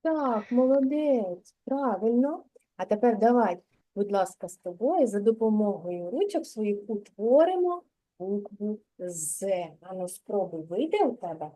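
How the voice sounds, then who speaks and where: Slow, patient woman kindergarten teacher. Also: medium pitch, lively intonation, dark tone, poor audio. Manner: patient, coaching, sounds out syllables slowly. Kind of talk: literacy lesson with a child. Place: kindergarten classroom.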